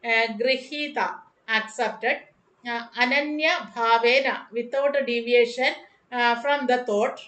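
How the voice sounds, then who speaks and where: A woman with a Malayalam accent giving a scripture lecture as a devotional speaker, halting as she searches for words. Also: fairly high pitch, fairly bright tone. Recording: echoey room sound.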